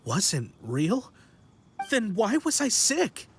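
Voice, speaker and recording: A woman's voice: medium pitch, wildly swooping pitch, extremely slow, a little hiss or hum, heavily acted. A woman voicing an earnest, superstitious and gullible townswoman in a video game. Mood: stunned.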